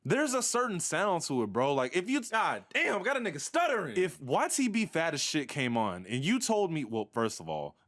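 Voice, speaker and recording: A man's voice: a little high, normal speed, few pauses. A young man delivering a sarcastic, slang-heavy rant about music in a commentary video. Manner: animated, sarcastic ranting with blunt slang.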